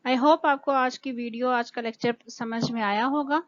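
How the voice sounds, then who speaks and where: Slow, careful Pakistani woman teacher, lo-fi. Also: on the high side, steady tone. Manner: slow and careful, drawing out example words. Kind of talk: recorded lecture explaining English pronunciation. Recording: dull, lo-fi sound.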